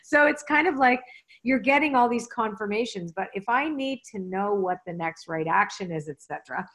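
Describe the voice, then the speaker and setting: A woman co-hosting a casual live question session on card reading, animated and often laughing. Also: moderate pace. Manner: animated, laughing, acts out the cards in a high voice. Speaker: co-host and card reading teacher.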